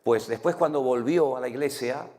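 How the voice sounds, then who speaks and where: A man's voice: mid-range voice, moderate pace, a little mellow. A man from Spain with a Canary Islands accent, a pastor giving a conversational sermon full of anecdotes and asking the congregation "right?" often. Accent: Canary Islands Spanish. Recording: long hall reverb.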